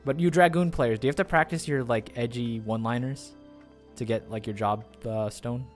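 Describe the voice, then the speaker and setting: A man's voice: mid-range voice, fairly even intonation, normal speed. Chatty male game streamer. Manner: rambling, joking, asks rhetorical questions. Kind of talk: casual live reaction commentary. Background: game music.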